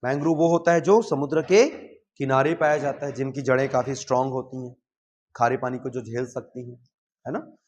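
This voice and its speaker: A man's voice: mid-range voice, fairly even intonation, brisk, a little mellow. A man giving a chatty, joking classroom lecture and often checking with his students. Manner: chatty, jokey, asks students questions. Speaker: exam coaching teacher.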